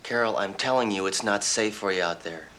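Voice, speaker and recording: An actor playing a protective, insistent young boyfriend in a 1970s TV drama. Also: male voice, fairly low pitch, brisk, fairly bright tone, a little hiss or hum, lightly acted. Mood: concerned.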